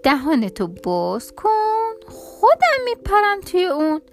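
A woman voicing a clever, cheeky male mouse in a children's storybook, calling out quickly in a playful voice. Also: extremely high pitch, wildly swooping pitch, soft background music, voice pushed up, heavily acted. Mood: sly. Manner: quick, shouting, playful tricks.

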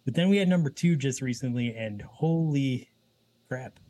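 A man in his thirties speaks as a podcast guest in easy, casual conversation. He is relaxed and laughs easily as he talks. His pitch sits in the middle for a man. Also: moderate pace.

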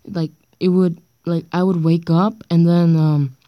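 A girl of about sixth-grade age, stuffy-nosed from being sick, rambles hesitantly and puts herself down in a casual solo podcast. She records on a handheld dictaphone while sitting on her bedroom floor late at night. Her female voice is lowish and level, a little slow, with no echo on a muffled recording.

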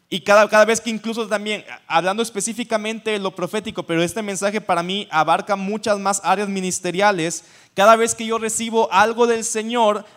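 A man's voice: high voice, fairly bright tone. A man preaching a sermon, conversational, often asking the audience questions. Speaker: pastor. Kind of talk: sermon teaching.

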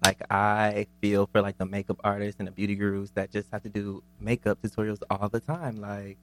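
Easygoing, chatty man guest, lowish voice. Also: little pitch movement, fairly quick. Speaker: guest YouTuber. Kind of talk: interview answers.

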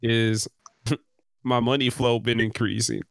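Young male host, medium-pitched, casual slangy delivery for a group chat, recorded very dry. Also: level tone, unhurried, gravelly, dry recording. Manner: slangy, loose.

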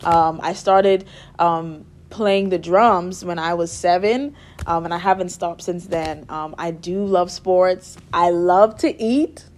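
A woman's voice: fairly low pitch, slow, darkish tone. A young woman from the Bahamas, a guest chatting casually in an interview, bubbly with frequent laughs and fillers. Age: young adult. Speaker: guest, music therapy student.

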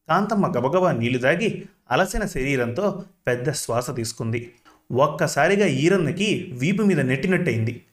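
Give me a man narrating a story steadily. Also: on the high side. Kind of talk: scripted narration.

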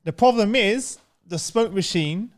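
A higher-pitched man with a London roadman accent chats casually, spinning out a story in thick street slang. His delivery is animated and sweary, like someone talking to a mate. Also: measured pace. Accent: London roadman, urban slang.

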